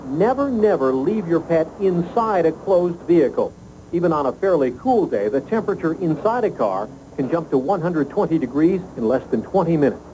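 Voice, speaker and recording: A man's voice: a little high, lively intonation, moderate pace, warm tone, slight background noise, low-quality recording. A man narrating scripted travel advice. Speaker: travel program presenter.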